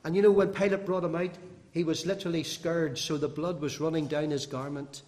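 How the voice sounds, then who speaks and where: A man preaching an impassioned sermon, his voice moving between loud and hushed, with long hall reverb. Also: on the high side, steady tone, fairly quick.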